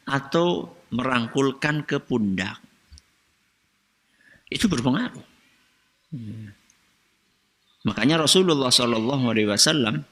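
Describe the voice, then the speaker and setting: A man's voice: mid-range voice, sharp tone. A man giving a religious study lecture as a preacher, asking his audience questions and answering them himself. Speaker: Islamic preacher. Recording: long hall reverb.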